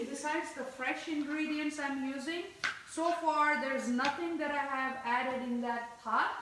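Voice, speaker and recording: An Indian woman with a high, fairly bright voice hosts a live cooking demonstration in her home kitchen, chatting through every step as she stirs. She sounds far off in an echoey kitchen, with slight background noise.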